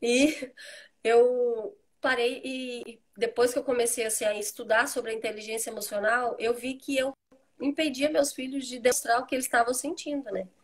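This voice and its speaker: Brazilian woman, higher voice, chatty, acts out talks with her kids, lively storytelling. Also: moderate pace. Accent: Brazilian Portuguese. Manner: animated, acts out quoted dialogue with her children. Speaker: host, mother. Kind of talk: casual conversation.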